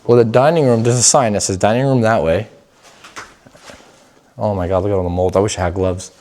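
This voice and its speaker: A man's voice: fairly low pitch, steady tone, brisk, dark tone. A man hosting an exploration vlog, chatting casually to viewers with slangy, sweary speech as he walks through underground passages. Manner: profane, slangy. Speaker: host of an urban exploration vlog. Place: underground corridors and tunnels of abandoned building. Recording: noisy handheld recording in underground tunnels.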